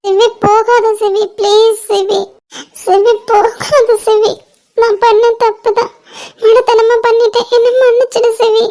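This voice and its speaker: A woman's voice: extremely high pitch, flat delivery, measured pace, dark tone. A woman voicing a tearful young woman in a fan-made cartoon, crying and pleading for forgiveness. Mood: begging, crying.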